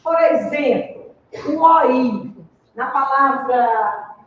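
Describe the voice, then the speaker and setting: Slow Brazilian woman teaching, echoey hall. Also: high voice. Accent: Brazilian Portuguese. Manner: slow, deliberate, spells out letters and checks with "certo?". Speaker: Portuguese teacher. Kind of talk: classroom grammar lesson. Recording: echoey room, distant mic, dull sound.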